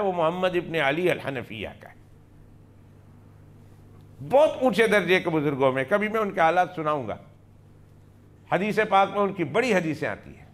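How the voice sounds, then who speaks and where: High-voiced man giving an emphatic religious lesson. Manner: emphatic, repeats key phrases; acts out quoted dialogue.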